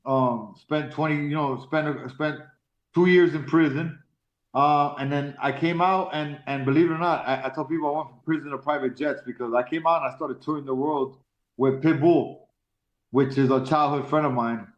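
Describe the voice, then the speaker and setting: Man in his forties, halting and candid. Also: on the high side, fairly even intonation. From Miami, Florida. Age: 40s. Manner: halting, repeats words, casual profanity. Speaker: guest, professional fighter. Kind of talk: candid interview storytelling. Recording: roomy, dull lo-fi sound.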